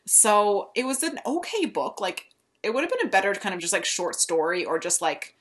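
A woman's voice: mid-range voice, lively intonation, normal speed, fairly bright tone, breathy edge. A woman co-hosting a podcast, chatting casually and explaining things in an informal way. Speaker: podcast co-host. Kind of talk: casual podcast chat about books and films.

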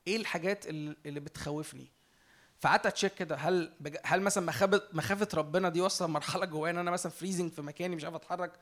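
A man with an Egyptian Arabic accent giving a conversational sermon, earnest, moving from emphatic preaching to quiet self-reflection. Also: high-pitched, steady tone, racing, few pauses.

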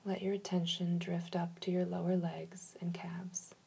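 A woman leading a guided relaxation in a soft, soothing manner, giving slow instructions with long pauses. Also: lowish voice, little pitch movement, creaky, slightly rough.

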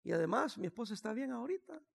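A sixty-year-old pastor delivers a sermon in a high voice with a gravelly rasp. He tells stories with humor, drops to quiet asides, then rises to shouted declarations. His gravelly voice stays high-pitched even when he speaks softly. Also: rapid-fire. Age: 60s.

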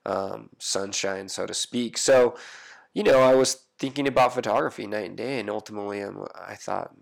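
A man's voice: on the low side, moderate pace, gravelly. A man in his thirties with a stuffy head cold, a photographer being interviewed at home, telling his story in a thoughtful, reflective way. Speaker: photographer guest. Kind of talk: casual interview conversation.

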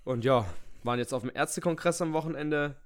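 A man's voice: on the high side, brisk, clean tone. A man co-hosting a casual comedy podcast, stuffed up with a head cold and joking in a mock-serious way. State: congested with a head cold, snotty runny nose. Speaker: podcast co-host.

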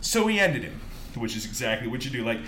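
A man's voice: medium pitch, very animated, fast, a bit bright. A man co-hosting a podcast with casual, wry comic banter. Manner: joking, wry. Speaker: podcast co-host. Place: kitchen. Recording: roomy, faintly noisy.

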